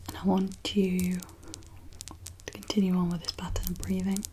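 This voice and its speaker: A woman gives a gentle, reassuring whispered pep talk as guided ASMR relaxation, in a soft breathy whisper with pauses. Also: fairly low pitch, little pitch movement, a little hiss or hum. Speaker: ASMR host guiding relaxation.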